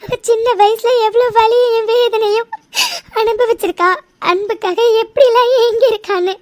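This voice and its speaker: A woman's voice: very high voice, moderate pace, no echo. A woman voicing cartoon women, one hurt and one a grieving mother, in tearful, pleading tones. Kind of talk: cartoon voice acting.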